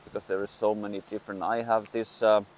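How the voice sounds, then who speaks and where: A low-pitched man speaking non-native English gives a casual hunting lesson outdoors. He explains haltingly, with hesitant pauses. Countryside noise is plainly audible around him. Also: flat delivery, a little mellow. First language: not English. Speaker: hunting instructor.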